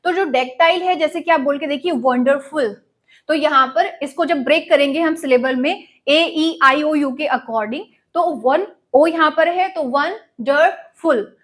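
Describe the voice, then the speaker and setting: A young woman leads an online exam-prep lesson in English literature, and her voice sits high. She explains each point patiently, one step at a time, and asks her students to repeat words after her. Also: normal speed, hardly any pauses.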